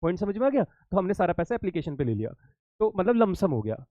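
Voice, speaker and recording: A man's voice: sits high, very animated, fast, warm tone, no echo, highs cut off. A male accountancy teacher giving an exam-prep lesson to students, repeating key points, checking that they follow and calling them kids.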